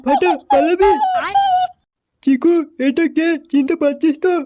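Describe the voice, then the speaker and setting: A man's voice: very high-pitched, fairly even intonation, measured pace, dark tone, a little hiss or hum. A man voicing a cocky, rude young petty thief in a comic cartoon who brushes people off. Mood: brash. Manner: brash, dismissive. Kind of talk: cartoon voice acting. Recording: dull lo-fi recording.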